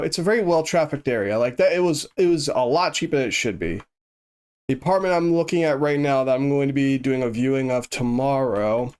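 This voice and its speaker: A man streams live, chatting casually with his viewers while he plays, in a rambling, easygoing way, thinking aloud and restarting often. His voice is mid-range with a clean tone, though congested and a little sniffly.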